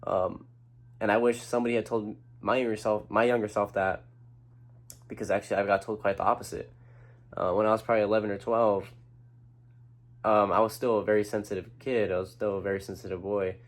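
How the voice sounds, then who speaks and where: Speaking a little fast in a fairly low, level voice, a young man vlogs to camera about how he feels. He's earnest but rambling, with restarts and casual swearing.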